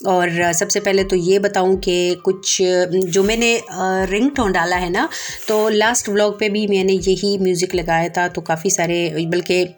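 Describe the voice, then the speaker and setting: A woman's voice: medium pitch, little pitch movement, a little slow. Chatty Pakistani woman vlogging at home. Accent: Pakistani Urdu. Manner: chatty and homely, addressing viewers directly. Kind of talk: casual home vlog narration.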